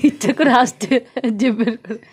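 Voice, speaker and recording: A woman's voice: fairly high pitch, fairly quick, a crowd in the background. A woman vlogging casually at her village home with a West Bengal Bengali accent, chatting and playfully repeating words to her small daughter. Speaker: vlogger and mother. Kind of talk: casual home vlog chat.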